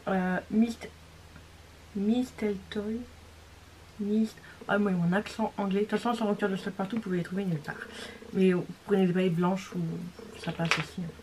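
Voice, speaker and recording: A woman's voice: medium pitch, little pitch movement, fast, darkish tone, a little hiss or hum, rough recording. A woman beauty vlogger talking through a makeup tutorial in a casual, chatty way, correcting herself as she goes and sometimes dropping to a near-whisper. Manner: chatty, self-correcting, describing each step.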